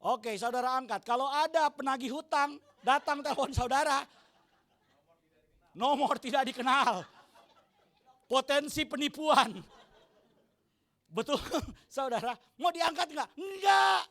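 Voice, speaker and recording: A man preaching a sermon to a congregation as pastor, often shouting for emphasis and asking the congregation questions with jokes. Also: very high voice, unhurried, long pauses. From Indonesia. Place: church hall.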